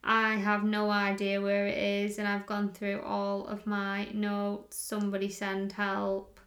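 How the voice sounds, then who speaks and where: A woman podcast co-host speaking slowly and flatly like a robot in casual chat. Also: medium pitch, reverberant. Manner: mock-robotic, drawn-out words.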